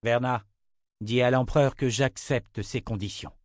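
A man's voice: mid-range voice, steady tone, measured pace, no room sound, clean studio sound, lightly acted. A man reading an audiobook, voicing a young male hero who speaks in a grave, resolute way.

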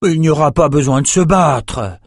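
Guy doing a grumbly defensive young guy, pitched up, dry sound. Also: expressive, moderate pace, a little mellow, dry recording. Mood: sulky. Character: sulky young male lout, grumbling.

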